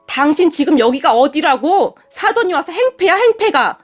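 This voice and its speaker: A woman voicing a shrill, bullying older mother-in-law who shrieks and scolds. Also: sing-song, moderate pace, soft background music. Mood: shrieking angry.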